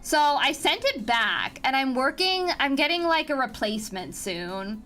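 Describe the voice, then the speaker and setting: A woman's voice: sits high, expressive, measured pace, bright, forceful tone. A young woman chatting with her viewers on a stream from home, giggly and teasing, with lots of restarts. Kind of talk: casual chat with stream viewers. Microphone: home streaming mic.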